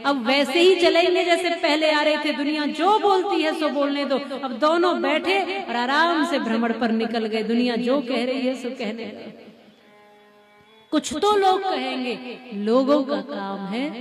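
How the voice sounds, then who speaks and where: A woman with a high voice preaches a devotional talk in a lively storytelling way. She turns to her listeners often and asks them questions. Music plays clearly behind her. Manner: animated storytelling, addresses listeners directly. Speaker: religious storyteller. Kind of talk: devotional sermon.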